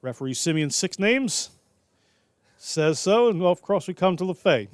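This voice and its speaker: A man calling live rugby play-by-play in a brisk, jokey way. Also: high voice, lively intonation, clean tone, no echo, studio quality. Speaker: play-by-play commentator.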